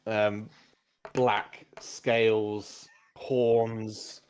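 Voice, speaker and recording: Low-pitched man running a tabletop game. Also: flat delivery, extremely slow, darkish tone, clear, resonant tone. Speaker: game master.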